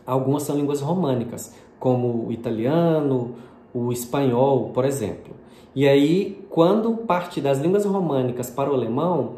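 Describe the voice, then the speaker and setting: His voice leans high yet dark-toned. This Brazilian linguistics teacher explains phonetics in a patient video lesson full of diminutives, recorded in an echoey space with a little noise.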